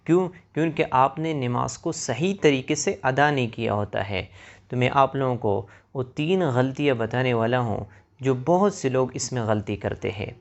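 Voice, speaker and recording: A man teaching viewers how to pray correctly, demonstrating recited phrases slowly and carefully. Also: medium pitch, gravelly, muffled recording. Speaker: religious teacher. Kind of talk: explaining prayer rules to viewers.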